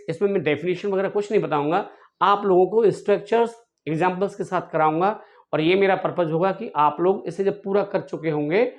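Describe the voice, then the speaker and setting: A male English teacher giving an online grammar lesson, drilling words by repeating them slowly and addressing viewers fondly. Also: high-pitched, dull audio.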